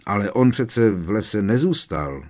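A man's voice: fairly low pitch, sing-song, darkish tone. A man voicing a blunt teenage wizard boy who talks emphatically and scoffs at others. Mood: emphatic.

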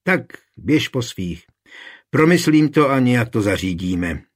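A man playing a blunt, warm-hearted village man who speaks firmly with a teasing edge. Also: medium pitch, sing-song.

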